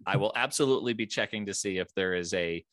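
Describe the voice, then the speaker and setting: A man's voice: fairly low pitch, fast talker, a bit bright, no room sound, studio quality. A man from Philadelphia with an American accent, hosting a conversational podcast interview and saying any Spanish names with American pronunciation. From Philadelphia, United States. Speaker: podcast host.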